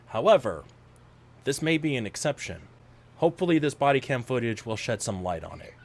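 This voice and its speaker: A man's voice: medium pitch, sing-song, fairly quick. Wry male video host, dry scripted commentary, desk mic, home setup. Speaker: channel host. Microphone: USB desk microphone.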